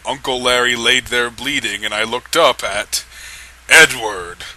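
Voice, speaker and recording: At a measured pace, a man with a sharp, mid-range voice dramatically reads amateur fan fiction in a comedic read-aloud, often straining to hold in his laughter. The recording is low quality.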